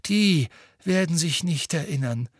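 Guy reading as old wise wizard headmaster, higher pitched, earnest, dry close sound. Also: animated, slightly rough, no room sound. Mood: urgent. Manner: earnest, measured, drops to a whisper. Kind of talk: audiobook reading.

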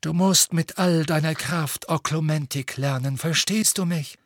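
A man voicing an old, wise wizard headmaster in an audiobook, earnest and measured. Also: high voice, steady tone, dry recording, clean studio sound, voice pushed up. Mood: insistent. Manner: earnest, measured, drops to a whisper. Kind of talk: audiobook reading.

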